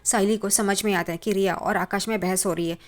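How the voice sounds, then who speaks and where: A woman's voice: medium pitch, steady tone, a little fast. A woman casually retelling a TV serial episode, reading out the characters' lines as she goes. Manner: conversational retelling, reads out characters' lines in passing. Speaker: TV serial recap narrator. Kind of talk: casual spoken episode recap.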